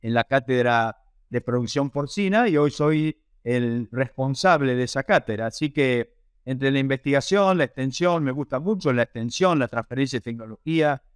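An older man in his late 50s to 60s with an Argentine accent, a pig production researcher and lecturer, explains his work conversationally as an interview guest. He speaks from a small indoor office over a video call through a wired earphone headset. His mid-range voice is clear and resonant at a moderate pace, and the recording is dry and studio-clean.

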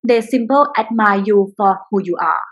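A woman, a podcast guest answering questions in a halting way with frequent pauses. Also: mid-range voice, husky, low-quality recording. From Thailand. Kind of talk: casual interview answers.

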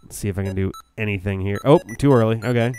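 A man's voice: fairly low pitch, quick pace, a little mellow. A man giving casual, crude commentary while coaching a friend through a retro handheld game. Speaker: let's play co-host. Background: faint game music and beeps.

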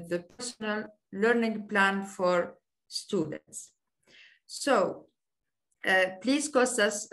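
A woman's voice: mid-range voice, fairly bright tone. A Tunisian woman in her forties, a business lecturer with a French-influenced English accent, giving an online lecture over a video call with many hesitant fillers.

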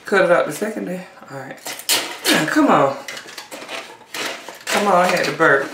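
A woman's voice: on the low side, unhurried, very noisy. A woman hosting a mukbang video, chatting casually and joking in slang while eating, in a small room. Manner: relaxed, joking, slangy banter. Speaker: mukbang channel host. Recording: echoey small room, far from the mic.

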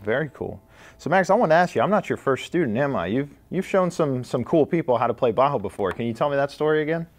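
A man hosting an interview, easygoing and quick with short affirming replies. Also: medium pitch, expressive. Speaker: host. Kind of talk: casual interview.

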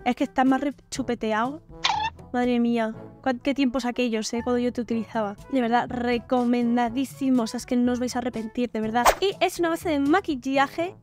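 Brief: young woman beauty vlogger, high bright voice, gushy and playful, faint music behind. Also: fairly quick. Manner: chatty and gushing, with playful slang. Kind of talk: casual product review vlog.

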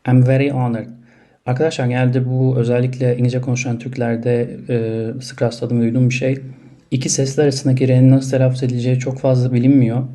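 A man presenting a pronunciation lesson video, speaking clearly and demonstrating sounds carefully. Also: medium pitch, completely flat delivery, fast talker, dark tone. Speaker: pronunciation teacher.

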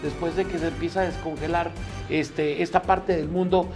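A man co-hosting a comedy news show, recounting a story in a rambling way with many pauses and restarts. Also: on the high side, fairly even intonation, music in the background. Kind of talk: casual news commentary.

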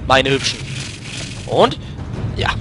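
Excitable young man commenting a game. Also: mid-range voice, slow, background noise. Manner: slangy, swings from mumbling to loud outbursts during fights. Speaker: let's play host. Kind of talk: German let's play commentary.

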